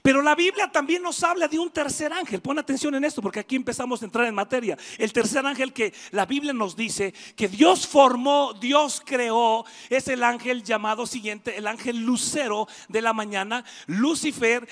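A man preaches to a youth congregation, his voice pitched very high and edged with gravel. He talks in an animated way, with jokes, asides and bursts of shouting. The sound rings with a long hall reverb. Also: normal speed, few pauses. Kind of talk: lively sermon to a youth congregation. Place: church hall.

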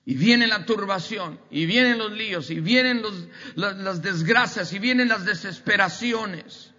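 A man's voice: high voice, a little slow, bright, forceful tone. A man preaching a sermon emphatically, with repetitive lists and rising outbursts. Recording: dull audio with long hall reverb.

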